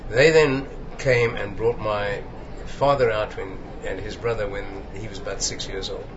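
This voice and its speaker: A man's voice: fairly low pitch, steady tone, moderate pace. An older man from Zambia, a cardiologist recalling his background thoughtfully with many fillers. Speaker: cardiologist guest. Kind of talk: reflective conversational interview. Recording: dull, noisy conference recording.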